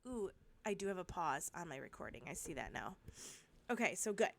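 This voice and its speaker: A woman with a cold talks through a Bible study in a casual, chatty way. She rambles, doubles back on herself and adds asides. When she reads the verses she slows down to a careful, steady pace. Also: on the low side, vocal fry. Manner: reads scripture slowly and steadily. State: congested with a cold, coughing.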